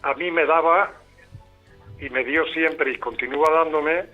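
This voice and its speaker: A man in his seventies calling in to a radio show over the phone, speaking slowly in short broken phrases. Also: fairly high pitch. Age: 70s. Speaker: caller. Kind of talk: call-in radio comment. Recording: tinny phone line with faint music.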